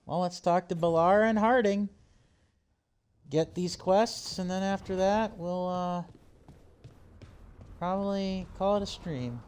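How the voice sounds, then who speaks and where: A man's voice: high-pitched, a little slow, long pauses, a little mellow, slight background noise. A man giving casual, enthusiastic commentary as he streams a video game. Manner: enthusiastic, cheering.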